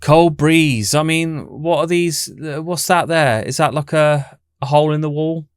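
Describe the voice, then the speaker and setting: A man's voice: on the high side, measured pace, smooth, dry recording, studio quality. A man hosting a paranormal debunking channel, explaining things in a skeptical, casual way. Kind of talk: casual commentary and testing.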